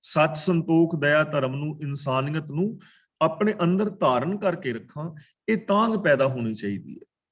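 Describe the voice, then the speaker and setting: Guy teaching a religious class on a video call, slightly high voice, chants the verses then explains them. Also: animated. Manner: explains scripture slowly, chants quoted verses. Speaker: katha preacher. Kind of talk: religious lecture.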